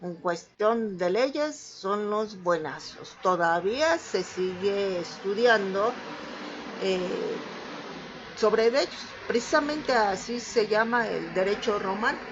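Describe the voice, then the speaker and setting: A woman's voice: medium pitch, slow pace, dull audio, noisy background. A woman teacher with a Mexican accent giving an online class lecture, patiently checking understanding as she goes. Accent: Mexican Spanish.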